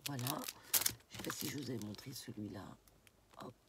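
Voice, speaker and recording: A woman with a deep, bass voice and a stuffy, congested nose chats casually to camera at normal speed, showing off a craft shopping haul. She's relaxed and full of fillers and "voilà". The recording is very noisy, with crinkling paper packaging and clicks behind her.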